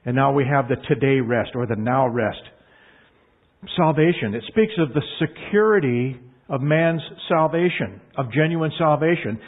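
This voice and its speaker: A man's voice: mid-range voice, expressive. A man preaching a sermon in an earnest, emphatic way, leaning hard on key words. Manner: earnest, emphatic, drawn-out stresses. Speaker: pastor. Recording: tinny phone-like line.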